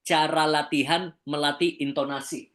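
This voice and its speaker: A man with an Indonesian accent, a communication coach giving a webinar lecture and demonstrating intonation with flat and exaggerated examples over a video call. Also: a little high, moderate pace.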